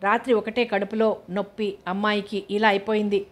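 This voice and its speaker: A woman's voice: medium pitch, level tone, brisk, natural voice. A woman reading the part of an older village mother who laments in grief. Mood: grieving.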